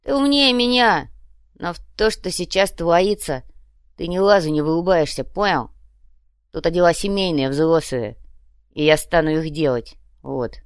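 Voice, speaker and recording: Lisping savage tough guy for an audiobook, slow and unbothered, read by a woman, low and dry. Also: clean tone, no echo. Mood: gruff. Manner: slow, flat delivery with a lisp. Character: calm male savage thug, slow and lisping. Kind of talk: audiobook reading.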